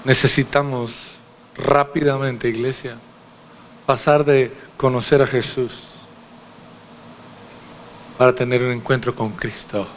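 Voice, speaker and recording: A man preaching in a church, emphatic and direct with his congregation. He asks rhetorical questions in a mid-pitched voice. Faint noise sits behind him. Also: steady tone, slow, long pauses. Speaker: pastor. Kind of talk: sermon.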